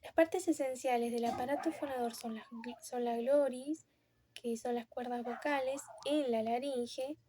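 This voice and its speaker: A young woman with a high voice walks through a class lesson. She explains patiently and acts out sounds with her lips. She stops now and then to correct herself. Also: fairly even intonation, moderate pace, few pauses, dark tone, slight background noise. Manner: self-correcting, with fillers. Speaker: student presenter. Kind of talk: classroom video presentation.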